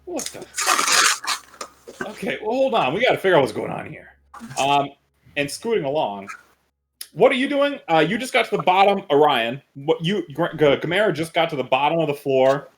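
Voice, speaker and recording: A man's voice: a little high, big pitch swings, brisk, noisy background. A man running a tabletop game as game master, narrating loosely with casual swearing. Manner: loose, profane, laughing narration.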